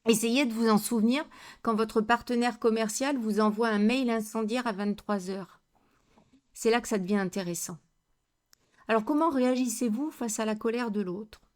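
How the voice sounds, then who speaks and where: A woman coach giving a slow, deliberate educational talk on handling conflict, with many rhetorical questions. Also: on the high side, darkish tone.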